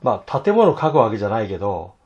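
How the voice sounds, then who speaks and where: A hoarse man teaching fountain pen illustration, talking to himself in halting asides as he draws. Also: fairly low pitch, big pitch swings, a little mellow, highs cut off. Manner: talks to himself while drawing, halting, murmured asides. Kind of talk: casual drawing tutorial.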